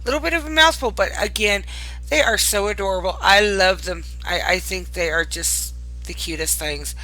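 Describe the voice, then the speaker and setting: Bright-voiced woman giving a casual showcase. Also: medium pitch, normal speed, faint music behind, low-quality recording. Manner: gushing, fond of cute things. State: tired late at night. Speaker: host presenting new items in a virtual game world.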